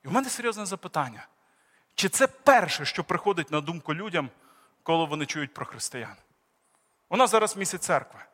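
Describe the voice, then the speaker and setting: Bright-voiced preacher in a reverberant hall. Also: male voice, on the high side, sing-song, brisk. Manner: emphatic, rising and falling preaching delivery. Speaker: pastor. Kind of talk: sermon. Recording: long reverb of a church hall.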